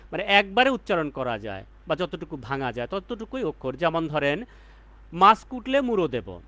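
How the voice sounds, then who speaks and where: A man giving a methodical class lecture, going over each point slowly and repeating it for emphasis. His voice sits high and swings widely in pitch. The sound is close and dry, with no room echo. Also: a bit bright. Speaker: poetry instructor.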